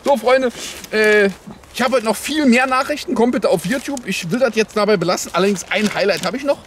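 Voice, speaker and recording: A man's voice: high voice, a little fast, a bit bright, a little hiss or hum. A man as a parody news anchor, improvising satirical headline commentary in a mock-naive, sarcastic, rambling way. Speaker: host of a satirical news show. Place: outdoors in the cold.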